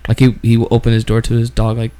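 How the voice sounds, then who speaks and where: A man's voice: mid-range voice, monotone, fast talker, mellow, smooth. A man co-hosting a casual podcast chat, blunt and grumpy in tone. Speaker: podcast co-host.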